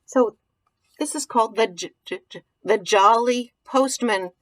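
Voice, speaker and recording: Unhurried and fairly high-voiced, a woman reads a picture book to young children, interrupting herself to ask questions, reflect aloud, and explain ideas simply. No echo is present.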